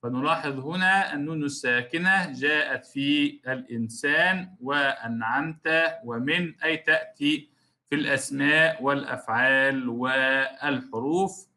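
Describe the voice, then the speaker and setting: A man's voice: medium pitch, normal speed, pushed and bright. A man teaching a recorded lesson on Quran recitation rules, explaining step by step, repeating key terms and speaking straight to his students. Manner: addresses students directly as a class.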